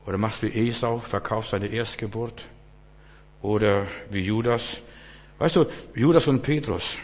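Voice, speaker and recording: A man preaching a sermon in church, swinging from hushed low passages to loud, fervent outbursts and often stammering restarts. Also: measured pace. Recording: long church hall reverb.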